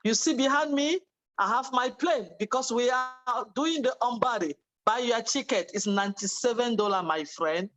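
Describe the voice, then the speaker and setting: A woman's voice: on the high side, low-quality recording. A woman from Cameroon speaking fervently on a video call, thanking and urging others to join. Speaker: webinar participant. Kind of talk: testimonial speech.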